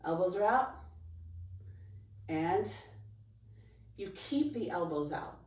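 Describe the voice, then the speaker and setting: Leading a chair workout class, a fitness instructor speaks in a fairly low, slightly mellow voice that is animated but slow. She issues brief encouraging commands, counts reps and cues form like an aerobics instructor, recorded on a distant mic with roomy echo.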